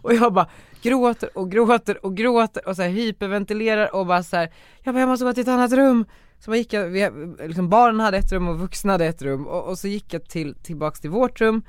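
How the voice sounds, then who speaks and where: A young man talks in a slightly high voice, telling an emotional personal story in lively casual chat, full of fillers and quick asides. The recording is close and dry, with no room sound. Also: smooth, no echo. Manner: animated storytelling, many fillers. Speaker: guest, author. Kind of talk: casual conversation.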